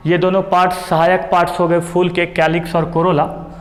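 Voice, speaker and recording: A man's voice: high-pitched, little pitch movement. A man teaching a biology lesson, explaining a diagram step by step and repeating each term. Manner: explains slowly, repeats terms, mixes English terms into Hindi. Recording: long hall reverb.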